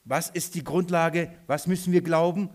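A man delivers a sermon in a fairly high voice, often putting questions to his listeners. He drops to quiet, low asides, then climbs into loud, emphatic passages. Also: fairly even intonation, normal speed. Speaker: preacher.

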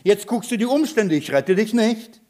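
Guy doing a bossy scolding savior, high-pitched and loud, hammering the same point over and over. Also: unhurried. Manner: scolding, emphatic. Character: Jesus, mocked as a scolding stern savior.

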